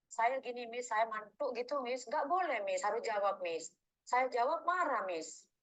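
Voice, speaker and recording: A woman's voice: fairly high pitch, lively intonation, normal speed, low-quality recording. A woman calling for advice who rambles through explanations, deferentially ending nearly every phrase with "Miss". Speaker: caller, domestic worker abroad. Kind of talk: phone call asking for advice.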